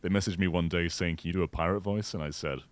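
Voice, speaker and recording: A man's voice: sits low, steady tone, fast talker, very noisy. A man guesting on a gaming podcast, easygoing and amused. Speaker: guest video maker and voice actor. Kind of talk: casual gaming chat.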